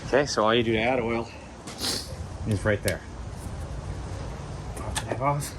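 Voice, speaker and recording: Nose blocked and sniffling from a cold, this DIY car repair host talks casually while working, walking through the job step by step in simple terms. He speaks at medium pitch, a little slowly, over clear vehicle-work ambience.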